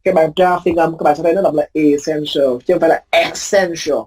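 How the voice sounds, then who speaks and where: Husky-voiced male teacher explaining phonetics. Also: a little high, little pitch movement, darkish tone, low-quality recording. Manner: explains patiently, drawing out example words slowly; repeats points for emphasis with tag words. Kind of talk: recorded phonetics lecture.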